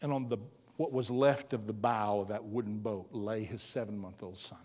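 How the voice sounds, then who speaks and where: A man giving a storytelling sermon as a guest speaker at a school, telling the story dramatically and sometimes dropping to a hushed voice. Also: fairly low pitch, steady tone, moderate pace. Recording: long hall reverb.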